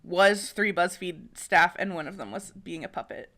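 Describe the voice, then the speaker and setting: Chatty, excitable woman podcast co-host. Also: on the low side, moderate pace. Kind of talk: casual chat.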